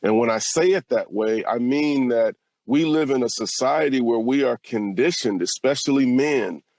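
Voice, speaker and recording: An earnest man from California hosts a casual talk show, reflective and open about his feelings. His voice sits at an ordinary middle pitch for a man. It is recorded dry and close, with no room sound. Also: moderate pace, a little mellow, no echo. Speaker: podcast host. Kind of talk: casual podcast conversation.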